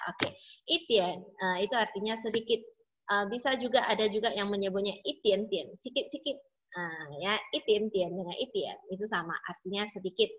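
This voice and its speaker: Woman teacher, patient explanations, repeats words three times, mid pitch, lo-fi call audio. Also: a bit bright, husky. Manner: explains each word slowly, repeats drills three times. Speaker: Mandarin teacher. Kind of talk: online class lecture. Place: home, online video class. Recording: slightly dull lo-fi audio.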